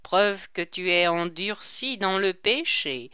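A woman's voice: mid-range voice, animated, takes it slowly, bright, forceful tone, clean tone, dry recording, clean studio sound. A woman doing a hollow, hissing voice posing as God. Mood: accusing. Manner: solemn, accusing.

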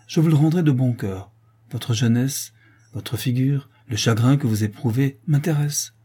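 A man reading aloud, voicing a kindly former convict who speaks gently and reassuringly in a storybook. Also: medium pitch, normal speed, husky, natural voice.

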